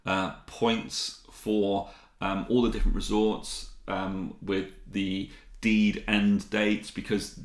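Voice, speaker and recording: A man's voice: lowish voice, flat delivery, slow, roomy sound. A man in his forties from the UK, co-hosting a podcast in casual chat, rambling with restarts and fillers. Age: 40s. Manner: rambling, many restarts and ums. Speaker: podcast co-host.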